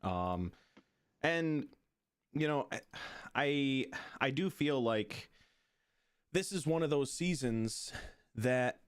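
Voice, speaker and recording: A man's voice: mid-range voice, expressive, slow, pauses often, clear, resonant tone, no room sound, studio quality. A man co-hosting a sports podcast, chatting casually with restarts and playful groans. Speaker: podcast co-host.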